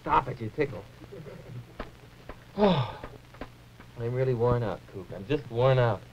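A man's voice: mid-range voice, measured pace, a little hiss or hum, lightly acted. A man voicing a fussy, bossy male dragon puppet on a 1950s live TV puppet show, fretting and sighing as he orders others about. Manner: fussy, fretful, bossy, full of oohs and sighs. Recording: dull early-1950s TV audio.

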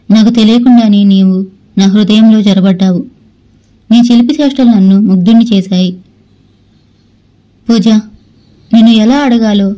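A woman's voice: mid-range voice, lightly acted, poor audio. A woman voicing a young husband in a storybook, sarcastic at first and later tender. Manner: sarcastic, later gentle and pleading. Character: brooding young husband, harsh then tender.

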